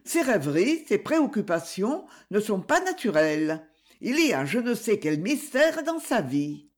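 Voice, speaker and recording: A woman's voice: medium pitch, very animated, unhurried. A reader voicing a pleading, insistent aristocratic mother in an audiobook. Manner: imploring, tenderly persuasive.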